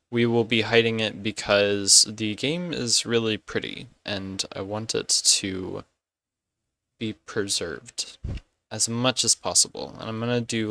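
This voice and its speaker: A man chatting casually on a game stream, slow and unhurried, with a gravelly, fry-laced voice that still sounds bright and forceful. His pitch sits on the low side, and he drifts off track and corrects himself mid-sentence. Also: no echo. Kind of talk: casual live-stream chat.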